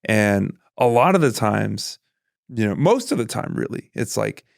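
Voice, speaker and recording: A man's voice: lowish voice, big pitch swings, unhurried, creaky, no room sound, studio quality. A man hosting a casual podcast interview, rambling and restarting his sentences, often laughing. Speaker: podcast host.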